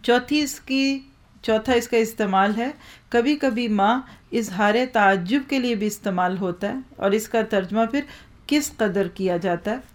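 A woman with a slightly high voice teaches a religious lesson on Quranic Arabic grammar. She explains it step by step, asks the class questions and recites verses slowly.

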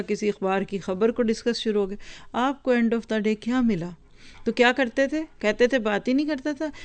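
A woman's voice: medium pitch, clear, resonant tone. A woman giving a religious lesson. She reads from a book, explains its words and speaks straight to her listeners. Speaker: religious teacher. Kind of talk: teaching lecture reading and explaining a book.

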